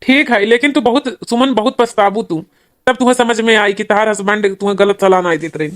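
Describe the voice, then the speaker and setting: A woman's voice: mid-range voice, fast, natural voice. A woman voicing a caring young elder brother in a cartoon, earnest and admonishing. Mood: warning. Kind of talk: cartoon voice acting.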